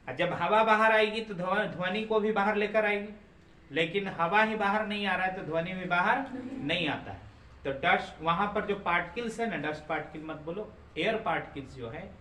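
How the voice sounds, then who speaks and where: A man lectures a physics class, with a bright, high voice. He keeps asking the students questions and repeating their answers back. He sounds far from the mic, with room echo and faint ambient noise. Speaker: physics teacher.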